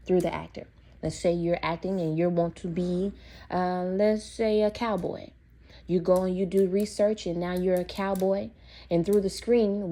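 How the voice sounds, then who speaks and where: A young woman talks straight to her viewers in a casual, opinionated monologue with a preachy edge. Her voice is mellow and warm, at an ordinary middle pitch. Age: young adult. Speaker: video host.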